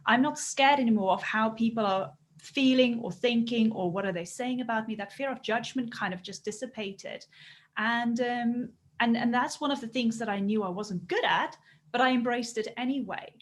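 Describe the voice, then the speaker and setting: A South African woman whose first language is Afrikaans speaks English with a South African accent. Her voice is a little high and her speed normal, and she appears as a business coach guest in an earnest yet casual interview.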